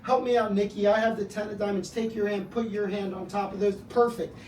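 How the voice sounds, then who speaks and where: A man's voice: sits high, little pitch movement, brisk, a little mellow. Joking party magician, man in an echoey room. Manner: party magician patter, joking, teasing volunteers. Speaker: magician performing at a birthday party. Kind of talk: live party magic act with patter. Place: indoor party room with guests. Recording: echoey room, distant mic, noisy audience. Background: guests laughing and reacting.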